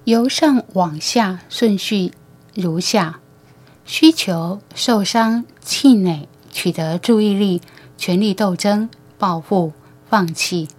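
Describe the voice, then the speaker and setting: A woman reading an audiobook story aloud in steady, even scripted narration. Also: medium pitch, slow pace.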